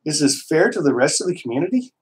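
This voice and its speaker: A Canadian man hosts a casual live stream in a slightly high, somewhat rough voice, talking fast with big pitch swings. He gets worked up and emphatic, rambling through restarts and letting the occasional mild swear word slip, on a low-quality recording.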